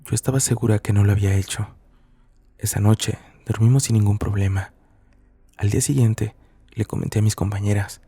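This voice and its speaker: A man reading a first-person horror story as scripted narration, measured and somber. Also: fairly low pitch, steady tone, mellow, husky, no room sound.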